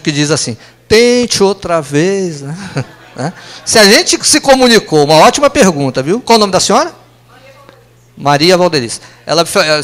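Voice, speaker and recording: A man's voice: on the high side, a bit bright. A Brazilian man with a Brazilian Portuguese accent giving a talk to a live audience in an office meeting room, conversational and full of tag questions. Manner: conversational, tag questions "né?", quick aside jokes. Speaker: speaker giving a company lunch talk.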